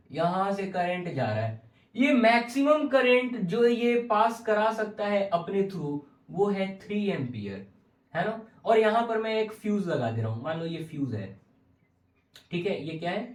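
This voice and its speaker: A high-voiced male teacher walks through a physics lesson. He repeats each question and then gives the answer himself. He sounds a bit distant from the mic, in a room with a lot of echo. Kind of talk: classroom lecture.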